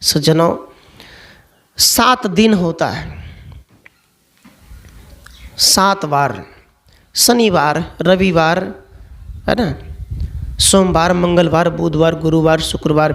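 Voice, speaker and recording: A man's voice: fairly high pitch, expressive, slow, pauses often, fairly bright tone. A man preaching a sermon, telling stories and firing off rhetorical questions. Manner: storytelling, full of rhetorical questions.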